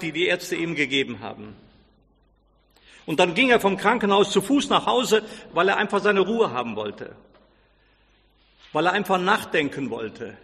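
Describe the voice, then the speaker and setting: A man's voice: high voice, fairly bright tone, long reverb tail. A man preaching, telling a story in a sermon and acting out the characters' quoted lines with feeling.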